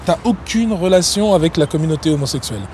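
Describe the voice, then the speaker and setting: A man's voice: a little high, quick pace, a little mellow, a little hiss or hum. A man interviewing a guest in a casual, informal way, prompting him with short replies.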